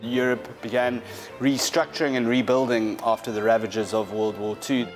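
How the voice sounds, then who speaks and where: Over loud music, a thirties-aged art specialist presents paintings in a spacious gallery hall. His voice sits at medium pitch with a steady tone, and he explains things in a measured way, often using fillers and restarting sentences.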